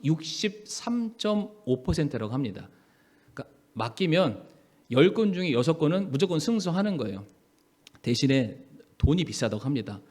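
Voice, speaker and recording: High-voiced Korean pastor preaching. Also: male voice, a little mellow. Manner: earnest preaching, often rising and slowing for emphasis. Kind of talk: sermon.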